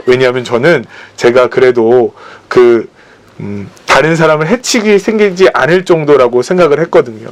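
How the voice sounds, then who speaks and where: A man preaching a sermon at a church service, telling personal stories and acting out the voices of the people in them. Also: medium pitch. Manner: storytelling, acting out quoted voices. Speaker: pastor.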